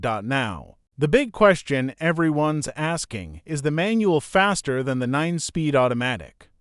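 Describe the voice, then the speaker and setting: A man's voice: a little high, smooth, dry recording, clean studio sound. A man narrating a scripted car review in a polished, promotional way with punchy short phrases.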